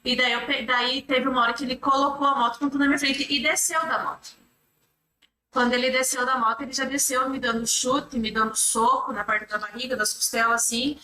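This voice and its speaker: A woman's voice: sits high, steady tone, a little fast, sharp tone. A woman with a Brazilian Portuguese accent giving courtroom testimony, retelling events in long rambling runs held together by repeated fillers. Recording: echoey room, mic at a distance.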